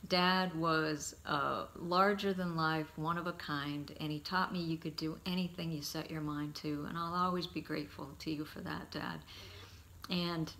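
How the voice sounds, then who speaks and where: A middle-aged man giving a heartfelt eulogy, telling stories about his father in a halting, storytelling way. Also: a little high, steady tone. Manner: warm, halting anecdotes with frequent pauses.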